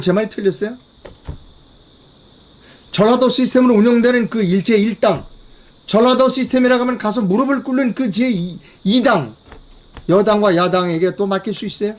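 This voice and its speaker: An older man delivers a political commentary monologue in a fairly high voice. He presses his points with heavy repetition and keeps throwing rhetorical questions at the audience. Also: a little mellow. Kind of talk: political news briefing monologue.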